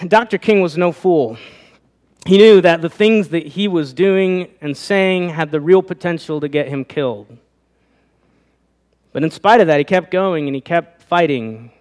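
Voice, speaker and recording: A pastor preaching a sermon, asking his listeners rhetorical questions, his voice rising and falling. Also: sits high. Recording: long reverb of a hall.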